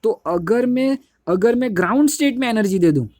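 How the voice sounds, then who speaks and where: Young guy teaching chem, mellow dry voice, keeps going "dekho" and correcting himself. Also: high-pitched, animated, moderate pace, dry recording. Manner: repetitive, keeps saying "dekho", self-correcting. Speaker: chemistry teacher. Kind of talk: casual classroom lecture. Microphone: phone held while writing on screen.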